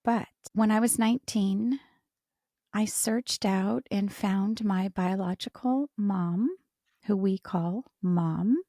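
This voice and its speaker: A woman co-hosting a podcast, speaking warmly of faith and family in a soft, often whispery voice. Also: medium pitch, slow pace, dry recording, clean studio sound. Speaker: podcast co-host. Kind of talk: casual heartfelt conversation.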